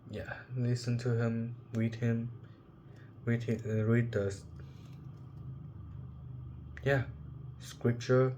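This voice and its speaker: Slow, halting young man sharing a story. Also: mid-range voice, little pitch movement, dark tone, a little hiss or hum. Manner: halting, searching for words, emotional. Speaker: vlogger. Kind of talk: personal reflective monologue.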